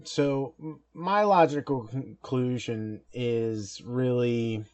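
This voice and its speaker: A man co-hosting a podcast, giving his closing thoughts in a halting, thoughtful way with restarts and dry sarcasm. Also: medium pitch, a little mellow, lo-fi sound. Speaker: podcast co-host.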